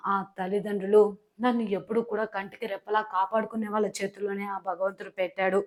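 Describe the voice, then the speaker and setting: A woman's voice: medium pitch, level tone, fast talker, lightly acted. Woman reading as Bhoomi, a humble young woman. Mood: wistful.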